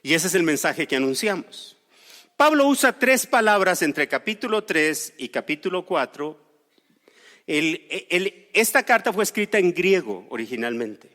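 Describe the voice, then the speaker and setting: A man's voice: high voice, very animated, measured pace, sharp tone, in a large hall. A man from Costa Rica preaching a sermon, explaining scripture with personal stories and light humor. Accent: Costa Rican Spanish. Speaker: pastor. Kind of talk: sermon with storytelling.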